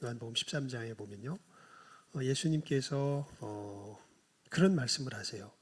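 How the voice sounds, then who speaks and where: A man's voice: mid-range voice, normal speed, husky. A man preaching a sermon in a conversational way, asking the congregation questions and acting out the dialogue of the scripture. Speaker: pastor.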